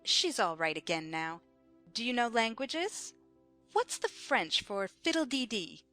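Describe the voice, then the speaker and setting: The imperious, highish-voiced queen in a children's audio play, quizzing pupils over background music woman acting. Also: very animated, unhurried, bright, forceful tone, heavily acted. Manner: haughty, contradicting, schoolmistress-like. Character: bossy, pedantic Red Queen, an imperious chess-piece monarch. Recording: music behind the voice.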